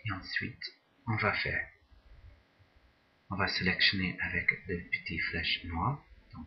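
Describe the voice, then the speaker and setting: A man teaching a software drawing tutorial, talking slowly and hesitantly, often repeating words as he works. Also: deep voice, highs cut off. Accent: non-native English pronunciation. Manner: slow, hesitant, repeats words while working. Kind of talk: screen-recorded software tutorial.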